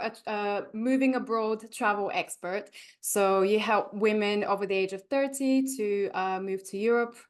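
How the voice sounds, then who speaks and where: A woman's voice: mid-range voice, clear, resonant tone. A woman from Bulgaria hosting a podcast interview, often hesitant, with many fillers and restarts. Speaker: podcast host.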